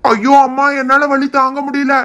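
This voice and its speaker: A woman's voice: high-pitched, flat delivery, moderate pace, fairly bright tone, dull audio. A woman voicing a cheeky young boy who whines and cries out in pain in a doll video. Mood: whimpering. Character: cheeky boy, mischievous and then hurt.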